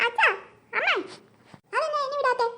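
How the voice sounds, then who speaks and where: Woman doing a squeaky, whiny little cartoon schoolgirl. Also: moderate pace, heavy background noise. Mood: whiny pleading. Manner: pleading, whining. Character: young schoolgirl, the younger daughter, eager and whiny.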